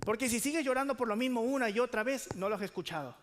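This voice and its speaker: High-voiced man preaching in a hall. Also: fast talker, a bit bright, a little hiss or hum. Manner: preaching with questions to the congregation. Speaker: pastor. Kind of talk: sermon.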